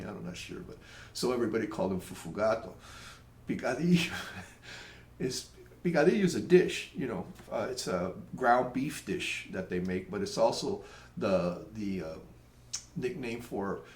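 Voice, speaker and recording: A man's voice: fairly low pitch, slight background noise. Man spinning local yarns, rambling and self-mocking, roomy echo. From Tampa, Florida, USA. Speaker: local storyteller. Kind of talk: casual storytelling monologue.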